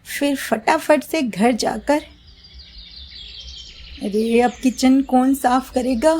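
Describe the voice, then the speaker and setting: A woman's voice: high voice, slow, darkish tone, a little hiss or hum, pitched above the performer's own voice. A woman voicing a lazy, scheming young daughter-in-law in a storybook, sweet-talking and dismissive. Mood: lazy grumbling. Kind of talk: storybook voice acting.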